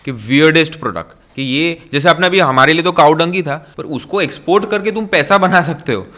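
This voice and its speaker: A man's voice: fairly high pitch, a little fast, bright, forceful tone. A man hosting a podcast interview, curious and agreeable, mixing English phrases into his questions. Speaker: podcast host.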